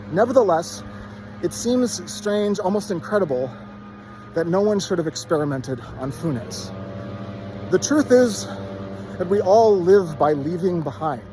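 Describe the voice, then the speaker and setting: A man with a somewhat higher-pitched voice recites literary prose by rote. He delivers it from memory in short, measured phrases. A light layer of ambient noise sits behind the voice.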